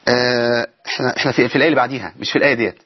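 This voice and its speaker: Racing along in a steady, slightly rough mid-range voice, a man with an Egyptian Arabic accent gives a broadcast tajweed lesson from a studio. The recording has its highs cut off, and he explains every rule while posing rhetorical questions to listeners.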